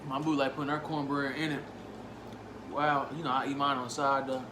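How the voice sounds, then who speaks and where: This man reviews food casually and fairly quickly, his medium-pitched voice flat, breaking in with frequent appreciative "mm" sounds between bites. The recording is a clearly noisy, roomy home setup with echo.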